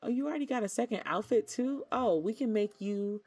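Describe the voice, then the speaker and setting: A young woman chatting casually while streaming a game, animated and playful, slipping into put-on as she talks. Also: a little high, fairly quick, soft background music.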